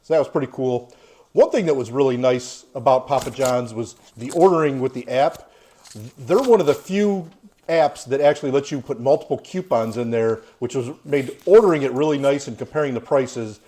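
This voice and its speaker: A man's voice: medium pitch, normal speed, mellow. A man in his forties giving a casual, plain-spoken food review with his child. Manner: easygoing, plain-spoken, opinionated.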